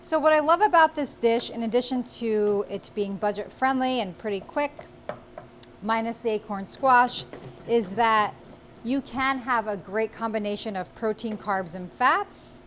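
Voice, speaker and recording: A woman's voice: on the high side, measured pace, fairly bright tone, a little hiss or hum. A woman in her forties hosting a cooking show, giving friendly step-by-step instructions as she cooks in a small studio kitchen on a lapel mic. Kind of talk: cooking demonstration.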